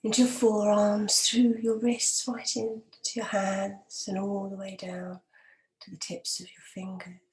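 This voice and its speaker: Speaking as a hypnotherapist, a woman guides a relaxation meditation in a calm, gentle, measured way, leaving long pauses. Her voice is soft, medium in pitch and at times breathy. The recording quality is low.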